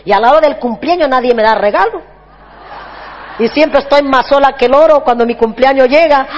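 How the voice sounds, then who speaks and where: A woman in her forties preaching a lively, humorous sermon, acting out children's shrieks as she tells stories. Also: high-pitched, brisk, in a large hall, lo-fi sound, some chatter behind, slight background noise. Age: 40s. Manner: animated storytelling, acts out children's shrieking voices.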